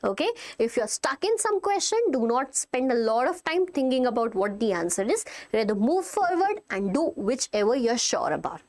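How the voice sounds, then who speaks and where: A woman's voice: fairly high pitch, very animated, moderate pace, few pauses, darkish tone. A woman with a North Indian accent teaching a live online revision class, emphatic and instructive, repeating key points to her students. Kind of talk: live exam revision lesson, addressing students directly.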